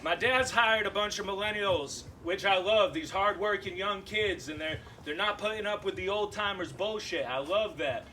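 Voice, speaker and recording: Young guy doing stand-up, kinda high voice, cusses a lot, laughs at his own bits, live room noise behind him. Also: moderate pace, few pauses, bright, forceful tone, distant mic. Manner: loose, swearing, laughing through punchlines. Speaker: stand-up comedian. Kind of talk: stand-up comedy set. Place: comedy club stage with live audience.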